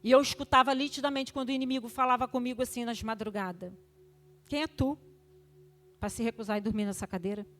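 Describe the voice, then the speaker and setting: An older woman giving an emotional testimony at a church service, fervent, moving between loud exhortation and hushed tones. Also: on the high side, steady tone, fast.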